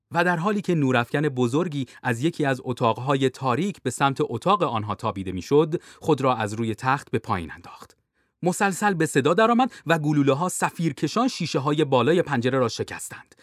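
A man narrating a thriller audiobook in a lively, expressive way. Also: medium pitch, no echo, clean studio sound.

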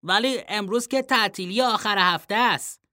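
A man voicing a cheeky young boy who protests in a high, whiny way in a storybook reading. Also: sharp tone.

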